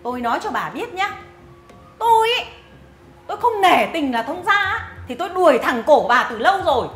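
A woman's voice: extremely high pitch, sing-song, fairly quick, fairly bright tone, echoey room, faint music behind, heavily acted. An actress playing a scornful, bossy mother-in-law who scolds and mocks with sneering laughs. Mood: scornful scolding. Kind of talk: family drama acting.

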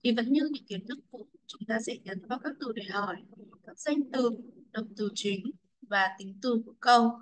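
Vietnamese woman teaching English clearly. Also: a little high, moderate pace, slight background noise, low-quality recording. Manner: clear, patient instructional tone. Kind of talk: classroom lesson explanation.

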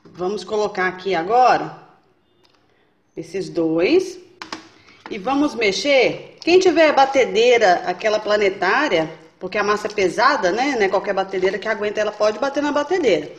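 This woman's voice is mid-range and animated, at normal speed, as she demonstrates a recipe step by step for her cooking channel. Chatty by nature, she checks in with viewers often; the home kitchen setting sounds echoey, with faint noise.

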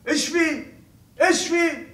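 A young man doing playful, teasing let's-play commentary, often laughing and breaking into shouts. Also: extremely high pitch, moderate pace. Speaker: gaming video host.

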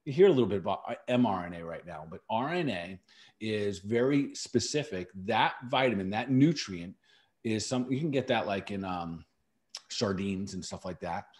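A middle-aged man who practices natural medicine hosts a podcast, explaining herbal remedies casually and emphatically, repeating key words to stress them. His voice is lowish and darkish in tone, animated, at a moderate pace.

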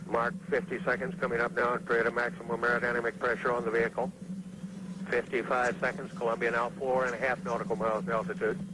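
A man's voice: medium pitch, little pitch movement, fast. A man giving live mission control radio commentary on a launch in clipped, factual, procedural phrases. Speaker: mission control public affairs announcer. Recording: noisy old space launch broadcast.

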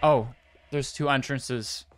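A man's voice: mid-range voice, fairly even intonation, slow pace, a little hiss or hum. A young man giving live commentary as a scared horror game streamer, pleading and muttering in repeated phrases. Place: small room indoors at a desk, webcam stream. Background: horror game music.

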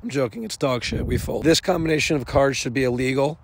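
A man in his twenties with a hoarse smoker's rasp and a congested cold, casually narrating poker hands in a brash, sweary way. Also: mid-range voice, fast talker, a little hiss or hum. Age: 20s. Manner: brash, profane, jokingly self-deprecating. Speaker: poker vlogger. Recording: voice-over with music behind.

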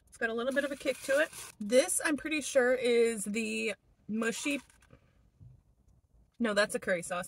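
A woman's voice: a little high, fairly bright tone, husky. A young woman giving a casual food review in a parked car, talking while chewing with her mouth full. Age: young adult. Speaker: food vlogger. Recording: noticeable background noise in car.

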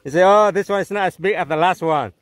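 A middle-aged man hosting a fishing channel, chatting excitedly in simple, broken English from a small open boat at sea, filmed on an action camera. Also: high-pitched, fast talker, no echo. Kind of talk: casual excited narration while fishing. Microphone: handheld or mounted action camera.

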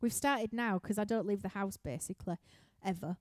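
Chatting from her living room at home, a young Yorkshire woman, a musician, reads viewer questions aloud during a live stream Q&A, rambling, laughing and filling pauses often. She talks a little fast in a mid-range, darkish voice, recorded in studio quality without echo.

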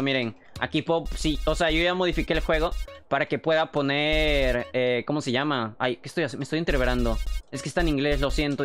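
A young man with a Mexican accent, chatting fast and excitably on a livestream, swearing freely while showing how he works. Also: a little high. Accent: Mexican Spanish. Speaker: streamer. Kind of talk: casual livestream chat.

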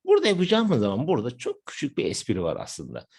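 A man with a Turkish accent teaching an English lesson, explaining step by step and slowing down for the example phrases. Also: mid-range voice, wildly swooping pitch, creaky, a little mellow, husky. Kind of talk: language lesson narration.

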